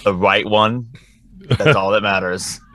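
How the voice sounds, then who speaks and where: A man's voice: fairly low pitch, fairly even intonation, takes it slowly, fairly bright tone. A man co-hosting a podcast, teasing the others in casual chat.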